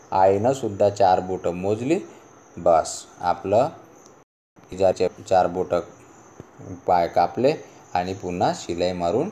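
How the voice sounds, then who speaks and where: A man's voice: on the low side, mellow, a little hiss or hum. A male schoolteacher with a Marathi accent, explaining a story lesson to a class in a patient way, often asking the class rhetorical questions. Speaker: teacher.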